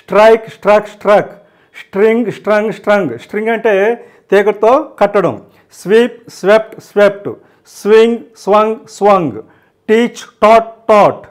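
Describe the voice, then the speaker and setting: High-pitched guy with a telugu accent teaching grammar, chanting verb forms over and over like a drill. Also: moderate pace. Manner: steady drill-like recitation, repeating each form twice.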